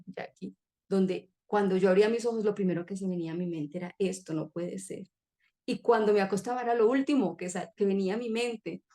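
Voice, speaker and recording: Woman guest, heartfelt testimony, soft mellow voice. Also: mid-range voice. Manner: emotional, earnest storytelling. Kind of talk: personal testimony in conversation.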